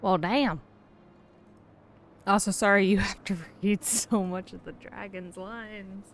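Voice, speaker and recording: A woman chatting casually through a game playthrough, reacting in an expressive, informal way. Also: mid-range voice, takes it slowly, a little hiss or hum. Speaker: game streamer.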